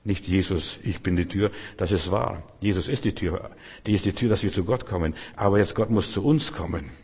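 Low husky guy preaching a sermon, keeps asking what would happen, big church reverb. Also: a little fast, a little mellow. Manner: repeated rhetorical questions, addresses listeners directly. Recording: long hall reverb.

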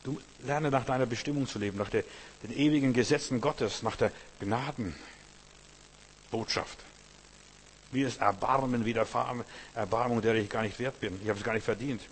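A man delivers a sermon, hammering home phrases and repeating them, dropping to a hush and then climbing again. His voice sits at an ordinary pitch and carries a long reverb, with a faint hum underneath. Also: moderate pace. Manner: emphatic, repeats key phrases, swings from loud to hushed. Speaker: preacher.

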